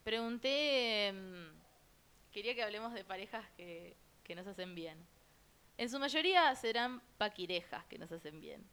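A woman with a Rioplatense Spanish accent hosting a casual chat, relaxed and playful as she leads the segment. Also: medium pitch, unhurried, clear, resonant tone. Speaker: host.

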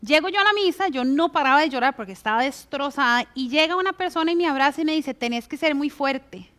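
A young woman in casual conversation, animated and acting out the voices of people she quotes. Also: sits high, fast. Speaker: guest.

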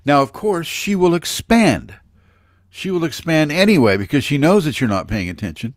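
A man's voice: fairly high pitch, very animated, normal speed, dry recording, studio quality. An older man giving a rambling, conversational spiritual teaching on a video call, talking to viewers by name. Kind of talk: live online spiritual teaching.

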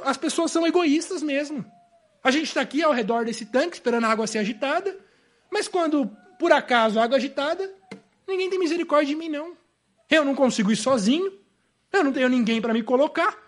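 A man with a Brazilian accent voicing a bitter, hopeless paralyzed man who complains quickly and indignantly. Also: very high voice, lively intonation, pitched above the performer's own voice. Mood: indignant complaining. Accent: Brazilian Portuguese.

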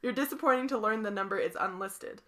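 A woman's voice: mid-range voice, a little fast, a bit bright. A young woman co-hosting a podcast, reading a board game story aloud with giggles and playful asides. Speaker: podcast co-host.

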